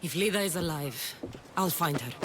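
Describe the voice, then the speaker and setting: A woman's voice: sits low, lively intonation, normal speed, slight background noise. An actress playing a practical, skeptical young woman adventurer in a video game, blunt and matter-of-fact. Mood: skeptical, resolute.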